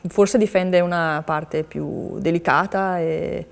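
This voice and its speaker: A woman's voice: on the low side, fairly even intonation, slow pace, creaky. A young woman answering interview questions as an artist, reflective and hesitant, with trailing phrases. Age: young adult. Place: indoor TV studio with hard floor. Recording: long hall-like studio reverb.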